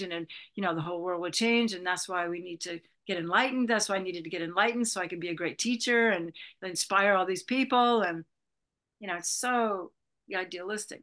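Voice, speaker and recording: With vocal fry and a somewhat bright quality in a lowish voice, a woman in her sixties reflects casually during an interview. She is a Buddhist retreat leader from Berkeley, California, and rambles with many "you know"s.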